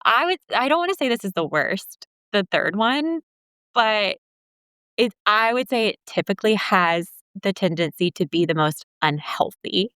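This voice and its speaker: A young woman co-hosting a relationship podcast, drawing on her counseling work. Her voice is smooth and clean, recorded close and dry, and she keeps a quick, animated conversational flow. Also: medium pitch, no echo. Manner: animated, fills speech with "like". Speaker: podcast co-host and couples counselor. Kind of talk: casual podcast chat.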